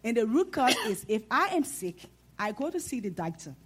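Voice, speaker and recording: A woman's voice: on the high side, very animated, moderate pace, slightly rough. A woman from Liberia with a Liberian accent, speaking up earnestly and formally from the audience at a town hall. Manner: earnest, formal, preacher-like build. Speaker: audience member.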